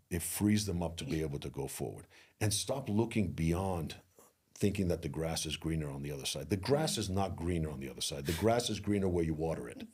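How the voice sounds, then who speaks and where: A middle-aged man from Greece speaks in an interview with a very deep, low voice and a husky grain. He talks earnestly and motivationally as a leadership coach, slowing down to stress his key points. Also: darkish tone. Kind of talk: interview conversation.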